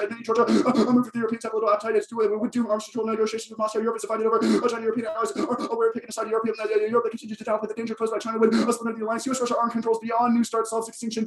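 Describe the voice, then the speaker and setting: A young adult man, a college debater, reads evidence cards in a rapid-fire, flat rush, restarting words as he goes. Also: extremely high pitch, roomy sound, poor audio. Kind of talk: competitive debate speed-reading.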